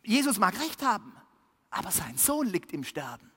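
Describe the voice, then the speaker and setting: A preacher telling a Bible story to children in a sermon, with vivid swings between hushed and lively delivery. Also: medium pitch, normal speed, breathy edge, big-room sound.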